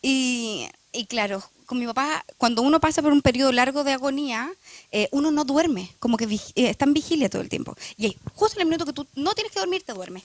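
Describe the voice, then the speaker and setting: High-voiced woman, reflective. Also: expressive, quick pace, dry recording. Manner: reflective, emotional, hesitant with many fillers. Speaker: interviewee. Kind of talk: church testimony interview.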